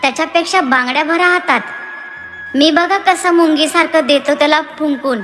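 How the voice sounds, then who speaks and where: A brash young male wrestler, swaggering and quick to mock, played by a woman narrator. The high voice carries a long reverb, with soft music behind it. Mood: boastful. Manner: mocking, swaggering.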